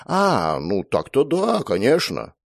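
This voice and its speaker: A man voicing a sharp-tongued young woman who scorns her younger brother, sarcastic and quick to threaten. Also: lowish voice, wildly swooping pitch, vocal fry, dry recording, studio quality, full character voice. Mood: mocking.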